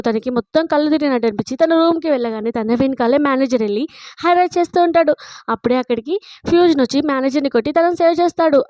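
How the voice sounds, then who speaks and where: A woman recaps a romance drama in a casual, chatty way, linking each event with filler words. Her voice sits high and she rattles along at a fast clip. The sound is close and dry. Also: a little mellow, no room sound. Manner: chatty, strings events together with "so" and "then".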